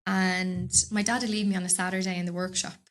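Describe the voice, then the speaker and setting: A woman's voice: on the low side, flat delivery, fairly quick. A woman with a Dublin accent, a podcast guest chatting casually in a studio, rambling from story to story and laughing often. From Dublin, Ireland. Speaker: podcast guest, business owner. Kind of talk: casual interview chat.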